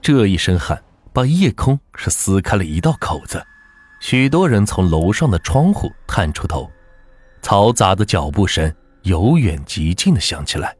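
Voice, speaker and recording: A man narrating a folk ghost story as the channel's host, in a dramatic, lively storytelling manner. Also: deep voice, moderate pace, slightly rough, faint music behind.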